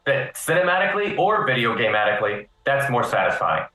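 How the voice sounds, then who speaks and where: A man's voice: mid-range voice, very animated, fairly quick, pushed and bright. Man arguing his case in a roomy echo. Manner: argumentative, lays out points step by step. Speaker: guest. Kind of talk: casual live-stream chat.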